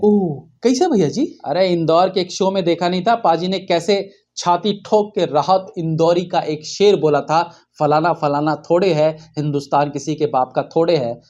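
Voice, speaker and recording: A man's voice: a little high, a little mellow. A man hosting satirical news, with mocking, sarcastic asides.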